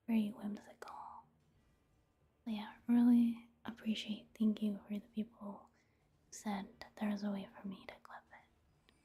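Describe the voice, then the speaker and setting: A woman with a mid-range voice whispers hushed, breathy ASMR commentary over a video game. She's casual and gentle, soft-spoken and unhurried.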